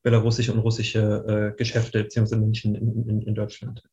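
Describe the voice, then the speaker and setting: A man's voice: fairly low pitch, completely flat delivery, brisk, mellow, dull audio, soft background music. A man moderating a panel discussion, handing the word to the next speaker.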